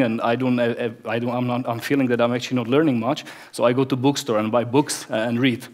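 A man in his thirties with a Czech accent, giving a conference talk on stage without slides, often repeating words and restarting sentences. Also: medium pitch. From Czech Republic. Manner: hesitant, many word repeats and restarts. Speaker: conference speaker, production director. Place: bright stage of a conference hall. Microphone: headset microphone.

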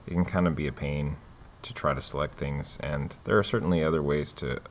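Over a soft background hiss, a very low-voiced man talks through a casual screen-recorded tutorial. He's relaxed and loose, stumbling into plenty of fillers and restarts as he goes.

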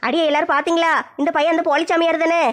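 A woman's voice: very high-pitched, level tone, rapid-fire, fairly bright tone. A woman acting a village comedy sketch in a brash, mocking way. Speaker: comic sketch performer.

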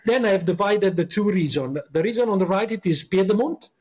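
A man with an Italian accent talks casually as a podcast guest, his voice sitting a little high for a man. He pauses and hunts for words, filling gaps with small hesitations. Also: animated, a little mellow, slightly rough. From Italy. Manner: halting, searching for words with many fillers.

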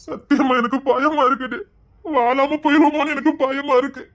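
A man's voice: extremely high pitch, steady tone, moderate pace, fairly bright tone, dull audio. Man as a weeping young husband, Tirunelveli Tamil accent, pleading melodrama. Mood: tearful. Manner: pleading, tearful, sobbing between lines. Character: young man lovesick and weeping over his beloved. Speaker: husband in a web serial. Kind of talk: emotional melodrama acting.

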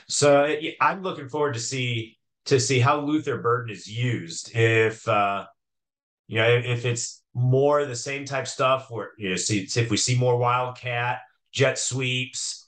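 Bright-voiced man talking college football. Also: mid-range voice. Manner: conversational, hesitant with fillers and restarts. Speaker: sports podcast co-host. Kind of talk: casual sports talk.

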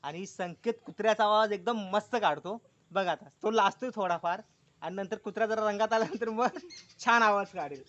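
A man's voice: high voice, moderate pace, a bit bright, highs cut off. A man from the Konkan region narrating a casual walking tour as a vlogger, upbeat and full of praise for what he films. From Konkan, India. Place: village outdoors in rain.

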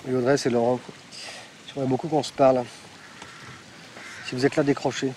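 A man's voice: mid-range voice, level tone, normal speed, a little mellow, a little hiss or hum, natural voice. An actor playing an earnest businessman who leaves a polite, hesitant voicemail, speaking into a phone. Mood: pleading. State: leaving a phone message.

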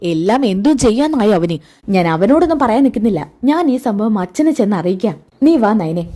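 A woman's voice: medium pitch, sing-song, a little fast, warm tone. A woman voicing a stern, protective middle-aged mother who speaks indignantly and gives orders. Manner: indignant, commanding.

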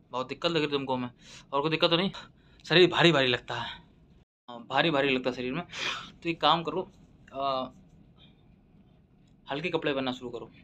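A man acting out a comic sketch, playing a loud, exasperated doctor and his patients. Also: a little high. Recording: dull lo-fi sound.

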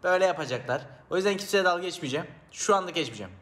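A man chatting live with viewers in a playful, teasing way, acting as a mock teacher. He jumps between loud outbursts and low mumbling. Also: lively intonation, very fast. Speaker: live streamer. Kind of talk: casual live-stream chat with viewers.

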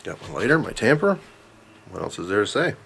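A man in his thirties giving a casual, chatty product review in a halting, thoughtful way, pausing between short phrases. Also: lowish voice, sing-song, vocal fry, fairly bright tone, a little hiss or hum. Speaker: pipe tobacco reviewer.

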